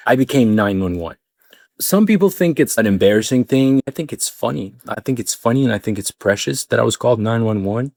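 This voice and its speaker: Low-voiced man telling a personal story. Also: no room sound, clean studio sound. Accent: Arabic. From Arabic-speaking country. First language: Arabic. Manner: animated, acts out quoted people with rising pitch. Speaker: vlogger. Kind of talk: casual storytelling monologue.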